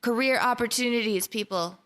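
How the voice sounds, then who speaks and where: A woman's voice: on the high side, brisk, a bit bright. A woman hosting a podcast, speaking with earnest enthusiasm in her intro and questions. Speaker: podcast host.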